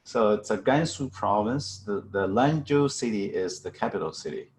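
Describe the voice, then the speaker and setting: A middle-aged man from China with a Chinese accent, giving a halting seminar talk over a video call with many fillers and restarts. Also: on the low side, animated, darkish tone, slight background noise. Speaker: guest speaker.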